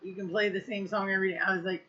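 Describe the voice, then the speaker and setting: Woman vlogging a storytime, bright tense voice, swears a lot, kinda muffled audio. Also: mid-range voice, level tone, rapid-fire. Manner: blunt and profane, rambling with many fillers. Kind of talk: casual storytime vlog.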